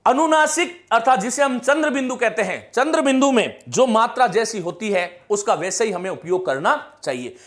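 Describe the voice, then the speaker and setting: A middle-aged teacher with a notably high voice gives an exam-prep lecture. He explains rules step by step, often posing a question to the class and answering it himself. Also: expressive, moderate pace, few pauses, a bit bright.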